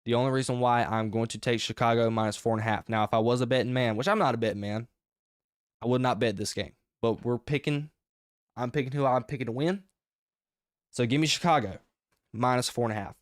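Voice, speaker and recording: On his own sports podcast, a man rambles through his game picks in a casual, energetic way, breaking into emphatic outbursts. He sounds short of breath, with a medium-pitched voice at a fairly quick pace, and the recording is dry and clean, studio-grade.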